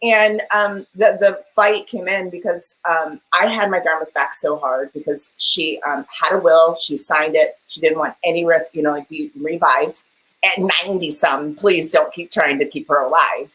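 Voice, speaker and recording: A woman in casual conversation on a live stream over a video call, telling a personal story in an animated way with many fillers. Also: low voice, moderate pace, poor audio.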